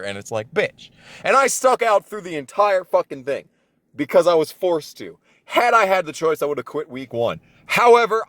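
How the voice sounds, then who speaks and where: On a gaming channel, a twenty-something storyteller shares something that happened to him, going off on foul-mouthed, exasperated rants and hammering points through repetition, all for comic effect. The mid-range voice is recorded without echo.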